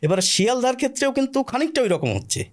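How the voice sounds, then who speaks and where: Lively, patient man explaining slowly. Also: very high-pitched. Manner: patient, explains step by step with examples. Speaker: guest expert on language. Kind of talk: explanatory conversational interview.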